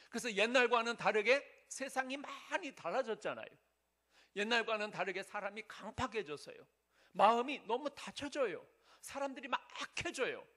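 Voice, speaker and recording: A man's voice: sits high, pushed and bright. A male pastor giving a sermon in an earnest, conversational way, asking the congregation rhetorical questions. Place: church sanctuary.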